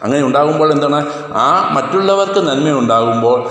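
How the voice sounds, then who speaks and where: A man teaches a class, asking students question after question and slowing down to recite lines of verse. His voice sits a little high. It rings with strong echo and a long hall reverb. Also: animated, fairly bright tone. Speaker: Hindi teacher. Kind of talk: classroom lesson explaining a poem. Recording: echoey room with long reverb.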